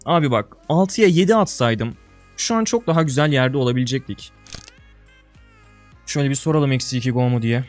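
A young man giving casual gameplay commentary as a video creator. He talks to viewers like a buddy in slang and swings from loud outbursts to low mutters. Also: a little fast, long pauses, faint music behind.

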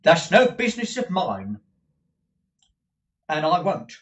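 A man voicing a put-upon male clerk who speaks loudly and bluntly, stammering as he goes. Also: on the high side, wildly swooping pitch, slow pace, voice pushed up, full character voice.

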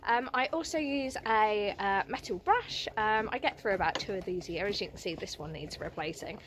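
A woman's voice: mid-range voice, a little fast, fairly bright tone. Chatty woman vlogging outdoors. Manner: chatty, lots of ums and uhs. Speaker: vlog host reviewing horse products. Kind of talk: casual product review vlog. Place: outdoors at a stable yard and field. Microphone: phone at arm's length. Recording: outdoor noise behind the voice.

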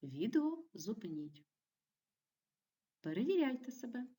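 Lively woman teacher, mellow voice. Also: fairly high pitch, measured pace, distant mic. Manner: clear, encouraging classroom delivery. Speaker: primary school teacher. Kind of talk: video lesson for children.

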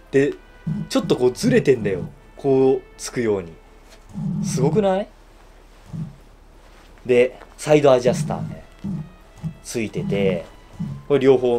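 A man talks casually through his suit piece by piece, laughing often. His voice is mellow and dark, yet his pitch swings widely from phrase to phrase. Soft music plays quietly underneath. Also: breathy edge. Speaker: shoe-shine YouTuber reviewing his bespoke suit. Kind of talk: casual show-and-tell review.

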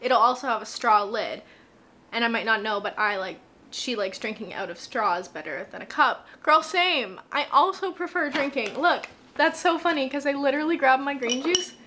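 This twentysomething beauty vlogger has a high-pitched, somewhat bright voice, with a little hiss or hum on the recording. Filming at home in the bathroom and living room, she chats to the camera in a bubbly, gushing way, full of filler words.

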